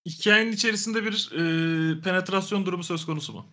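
A man, a podcast co-host reacting in an animated, exclaiming way. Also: high voice, fast. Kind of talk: casual chat.

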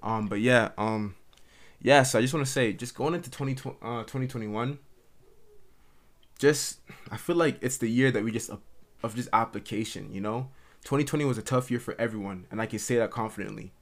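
An earnest young podcast host with a medium-pitched voice talks fairly quickly in a casual solo monologue, rambling and saying "like" a lot. He's at home in his mother's house as the light dims, recorded on a camera.

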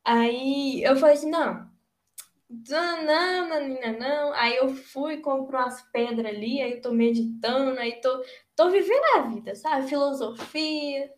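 A woman's voice: high-pitched, roomy sound. A woman co-hosting a podcast, chatting casually and confiding about her life. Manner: chatty, reacts with quick asides. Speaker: podcast co-host. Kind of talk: casual chat.

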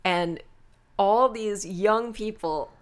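A woman in casual chat, telling stories in an animated, chatty way. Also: medium pitch, extremely slow, clear, resonant tone.

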